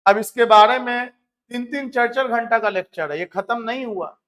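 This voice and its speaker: A man's voice: extremely high pitch, normal speed, a bit bright. A man teaching a physics lesson, asking his students questions and answering them himself, and repeating key numbers. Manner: motivational asides to students. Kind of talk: classroom physics lecture.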